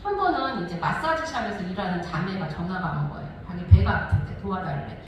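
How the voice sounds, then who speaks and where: A woman in her forties, a missionary telling her testimony as a sermon, lively and laughing often as she tells the story. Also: lowish voice, brisk, distant mic, noisy background. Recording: echoey hall, voice from afar.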